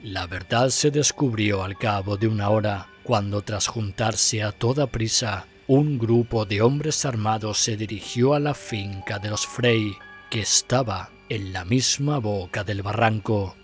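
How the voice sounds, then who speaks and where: Man, horror story narration, grave and measured, unhurried, soft music underneath. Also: fairly low pitch.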